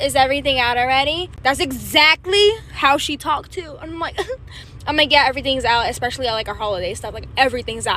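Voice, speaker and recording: A woman's voice: a little high, fairly bright tone, slight background noise. A woman telling a casual storytime rant about her retail job, exasperated and mocking, laughing often. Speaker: retail worker.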